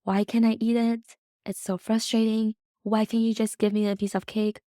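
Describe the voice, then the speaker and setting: A woman's voice: on the high side, flat delivery, normal speed, dark tone, no echo, clean studio sound, lightly acted. A woman voicing a frustrated child throwing a tantrum, in a whiny, complaining tone.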